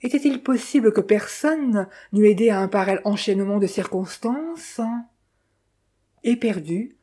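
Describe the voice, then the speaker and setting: A woman reading a mystery novel aloud in measured, dramatic first-person narration. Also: mid-range voice, expressive, warm tone, slightly rough. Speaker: audiobook narrator.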